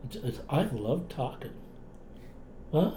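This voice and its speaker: An older, retired man with a Cape Breton accent, reminiscing in a relaxed, talkative, folksy way in conversation. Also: on the high side, slow pace. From Cape Breton, Canada. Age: older, past retirement. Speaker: interviewee, retired clinician and writer. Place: indoors in a home. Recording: roomy echo, faint background noise.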